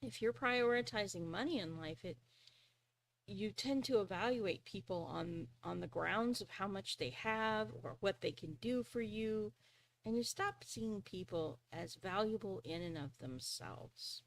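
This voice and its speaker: A woman's voice: mid-range voice, expressive, unhurried. A woman hosting a live stream, earnestly telling a personal story, often chuckling and restarting her sentences.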